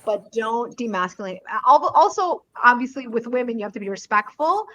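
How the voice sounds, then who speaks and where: A woman with a Toronto accent speaks in a casual group discussion. Her voice is fairly high, and she is emphatic, handing out advice and repeating her main points. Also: animated, fairly quick, fairly bright tone. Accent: Toronto Canadian.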